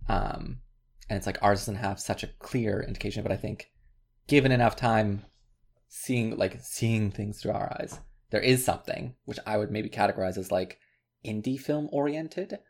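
A man's voice: fairly low pitch, moderate pace. A man co-hosting a podcast in casual chat, a little hesitant, with playful asides. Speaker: podcast co-host.

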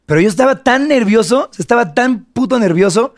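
A man's voice: extremely high pitch, expressive, a little fast, no echo, studio quality. A man in his thirties with a Mexican Spanish accent, co-hosting a casual chat and telling a self-mocking story full of slang. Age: 30s.

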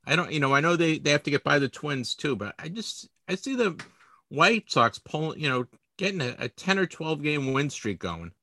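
Speaking with a fairly high, bright, and forceful voice on a dry recording, a man from around Boston hosts a sports collectibles podcast. He chats casually, wanders off topic, and pokes fun at himself when he fumbles his words.

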